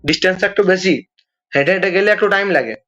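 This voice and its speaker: A man's voice: high voice, fast, pushed and bright, lo-fi sound. A man telling a ghost story in a casual chat, repeating phrases for effect. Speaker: guest storyteller.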